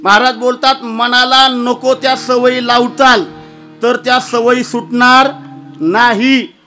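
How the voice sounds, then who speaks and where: A man from Maharashtra preaching a devotional kirtan sermon, telling stories in an animated, dramatic way that swings between loud and soft. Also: very high voice, slow, faint music behind.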